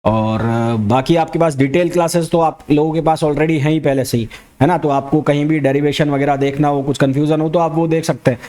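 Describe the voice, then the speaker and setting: A man with an Indian accent teaching a fast revision physics lecture, talking quickly and repeating key terms back as questions. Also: fairly high pitch, steady tone, mellow. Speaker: physics educator.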